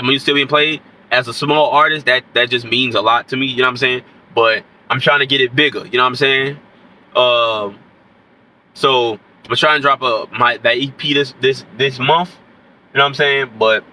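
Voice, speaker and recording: Here an independent rapper offers unscripted hip-hop commentary to camera, rambling and leaning on "you know what I'm saying" again and again. He's ill, his nose blocked and throat scratchy, which makes him sound nasal. His mid-range voice comes across pushed and bright, and the audio is poor, with slight background noise.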